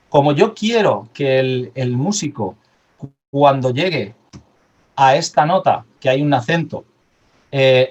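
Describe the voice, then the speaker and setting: A man's voice: medium pitch, darkish tone. A man giving a lecture on conducting, explaining step by step with frequent fillers and restarts and singing syllables as examples.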